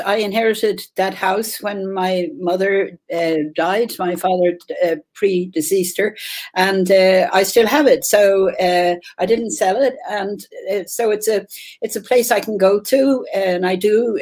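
A woman's voice: mid-range voice, a little slow, darkish tone. Older Irish-born woman rambling on a call. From Ireland. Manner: rambling, frequent fillers and repeats. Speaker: interview guest. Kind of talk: casual interview. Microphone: webcam on video call.

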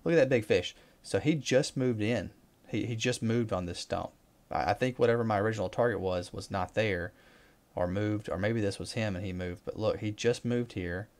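A man casually commenting over his fishing footage, relaxed and rambling with excited bursts. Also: on the low side, moderate pace. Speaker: fishing vlogger.

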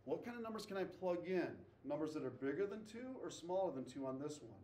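A man's voice: a little high, expressive, a little fast, dark tone, a little hiss or hum. A man teaching a math class, asking students questions, repeating their answers and tagging "okay?" after his points. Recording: echoey classroom, voice from far off.

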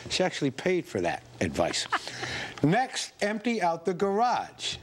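A man's voice: high-pitched, wildly swooping pitch, moderate pace, slight background noise. An older man anchoring TV news, laughing hysterically as he struggles to get his words out. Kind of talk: news read breaking into banter. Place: TV news studio.

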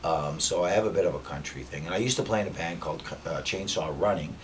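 Dutch-born man in his fifties, deep voice, animated rambling interview chat, distant camera mic in a basement room. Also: fast talker, a little hiss or hum. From Netherlands. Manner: rambling, animated, repeats phrases. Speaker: musician guest. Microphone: camera mic from a few feet away.

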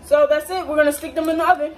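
Her voice sits high, the intonation is fairly even, and she talks very fast: a young adult American woman playfully chatting in slang to viewers while hosting a home cooking vlog. The clip comes from a small indoor home kitchen, with a phone or camera propped at a distance picking up distant sound and noisy ambience.

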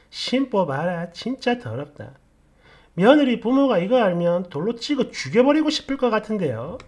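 Woman storyteller, casual narration, blunt and sarcastic, pitch swinging up and down a lot. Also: a little mellow.

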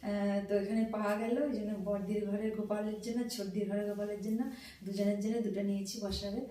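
A middle-aged woman chatting softly and gushing as she shows off things she bought. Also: medium pitch, flat delivery, quick pace, heavy reverb, far from the mic, low-quality recording. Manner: chatty, gushing, repeats herself; soft, hushed talk. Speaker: vlogger showing purchases. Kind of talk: casual show-and-tell chat.

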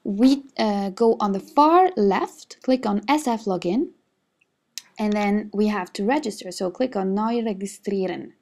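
A young Swiss singer-songwriter, a native Italian speaker, chats casually to a webcam in an indoor room, walking through her screen step by step with plenty of fillers. Her mid-range voice is a little slow and mellow, with vocal fry.

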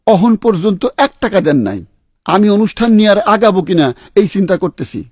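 Haggling fixer, quick and high-voiced, over music. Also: male voice, expressive, darkish tone, husky, no echo, clean studio sound. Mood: insistent. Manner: blunt, haggling, stubborn about money. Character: pushy money-minded male funeral fixer. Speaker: hired mourner and fake cleric contractor.

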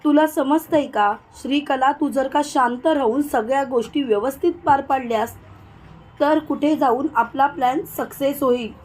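A scheming middle-aged father from a retold serial story, coaxing and soothing, as a woman narrator reads his lines. The voice stays high and close to her plain reading tone. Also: moderate pace, natural voice, low-quality recording. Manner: soothing, urging calm.

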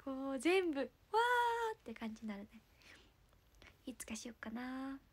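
A young woman from Fukuoka with a Hakata accent, chatting casually on a livestream, giggling and sometimes dropping to a soft murmur. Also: high-pitched, normal speed. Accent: Hakata dialect. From Fukuoka, Japan. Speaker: idol livestreamer.

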